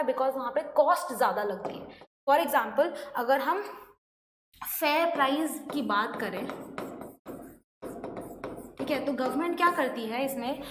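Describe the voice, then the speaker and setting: A woman's voice: high-pitched, fairly bright tone. A woman teaching an online class, mixing Hindi and English and explaining by asking her students questions. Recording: echoey room, faint noise.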